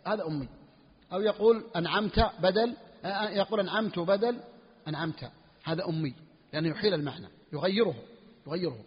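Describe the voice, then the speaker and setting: Husky, high-voiced sheikh in an echoing hall. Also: male voice. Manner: repeats key phrases slowly for emphasis, asks and answers himself. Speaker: sheikh teaching Hanbali jurisprudence. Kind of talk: classical Arabic fiqh lesson. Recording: lo-fi lecture recording in a reverberant hall.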